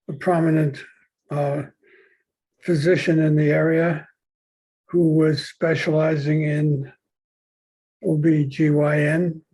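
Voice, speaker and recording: A man's voice: fairly high pitch, dark tone, husky, poor audio. A man hosting a podcast interview, asking chatty questions with some hesitation. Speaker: podcast host. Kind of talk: conversational interview.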